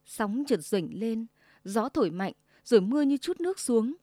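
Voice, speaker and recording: A woman narrating a sad folk tale in a slow, lyrical and emotive way. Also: fairly high pitch, big pitch swings, dark tone, dry recording, clean studio sound. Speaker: storyteller. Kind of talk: scripted story narration.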